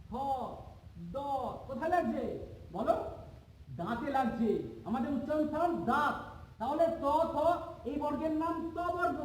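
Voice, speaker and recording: Teacher, male, very high voice, patient drilling style, recorded from a distance in a boomy room. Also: a little mellow, slight background noise. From Bengal. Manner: patient, repeats points and checks understanding. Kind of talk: classroom lesson. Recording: echoey room, far from mic.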